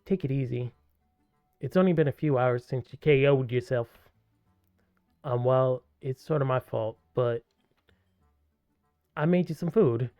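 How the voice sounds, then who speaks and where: A man reading aloud the lines of a caring young woman character in a video game, gently and plainly. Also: mid-range voice, unhurried, pauses often, no echo, dull audio, faint music behind, lightly acted. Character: caring young woman friend who patches him up.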